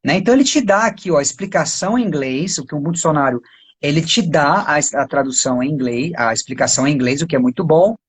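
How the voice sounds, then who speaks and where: A man with a Brazilian Portuguese accent, an English teacher giving a casual live-stream lesson, chatty and full of quick tag questions. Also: fairly high pitch, animated, slightly rough. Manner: chatty, peppers talk with tag questions and pointers.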